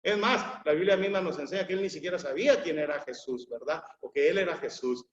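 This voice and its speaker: High-voiced emphatic preacher in an echoey hall. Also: male voice, fairly quick. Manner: repetitive, emphatic, calls the listeners "hermanos". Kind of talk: sermon. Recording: echoey church hall, dull sound.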